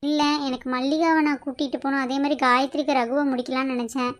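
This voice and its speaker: A woman's voice: sits high, fairly even intonation, fast, natural voice. A woman voicing a middle-aged aunt in a cartoon who insists and complains about a wedding match. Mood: troubled. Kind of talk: cartoon voice acting.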